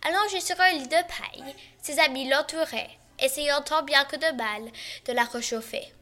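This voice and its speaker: A woman reads a children's Christmas story aloud. Her voice is high and bright, and her reading is expressive, shifting in loudness. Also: normal speed.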